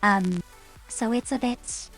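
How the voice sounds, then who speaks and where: A woman's voice: medium pitch, takes it slowly, fairly bright tone, soft background music, rough recording. A woman VTuber chatting casually on stream through a staticky voice changer that cuts out, rambling with hesitant fillers.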